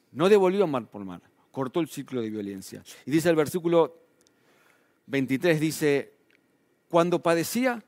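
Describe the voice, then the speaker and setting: A pastor with a Rioplatense Spanish accent preaches a sermon in a conversational style, often using tag questions and letting his mid-range voice rise and fall for emphasis. The recording is dry.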